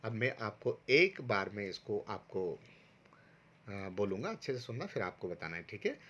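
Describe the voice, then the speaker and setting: A man's voice: lowish voice, very animated, normal speed, fairly bright tone, muffled recording. A man teaching a recorded online lesson to first graders, patiently going step by step and sounding out syllables for pupils to repeat. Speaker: primary school teacher.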